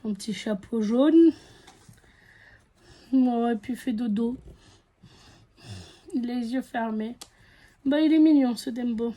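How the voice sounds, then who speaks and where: A woman's voice: fairly high pitch, slow pace, pauses often, mellow. A woman with a French accent chatting casually as she opens surprise packets, guessing aloud what is inside. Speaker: vlogger. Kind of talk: casual unboxing chat.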